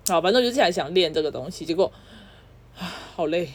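A woman's voice: fairly low pitch, expressive, darkish tone, husky. A young woman, co-hosting a casual podcast chat and telling stories with a chatty, laughing manner. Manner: quick, chatty storytelling with frequent laughs. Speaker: podcast co-host.

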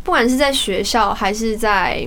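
A woman's voice: a little high, moderate pace, fairly bright tone, a little hiss or hum. A young woman with a Taiwanese accent, co-hosting a podcast in a casual, chatty style. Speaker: podcast co-host. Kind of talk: casual chat.

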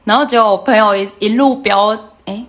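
A young woman with a Taiwanese Mandarin accent, hosting a livestream and telling a story in a lively, casual way, acting out the other people's voices. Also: brisk. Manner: lively, acts out quoted voices with jumps in pitch. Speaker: livestream host.

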